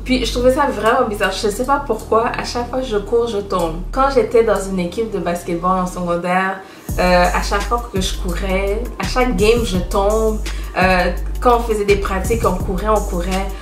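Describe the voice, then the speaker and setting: A young woman with a Quebec French accent chatting to camera in an animated way, slipping English words into her talk. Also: mid-range voice, normal speed. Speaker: vlogger. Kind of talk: casual chat to camera. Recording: echoey room with music behind.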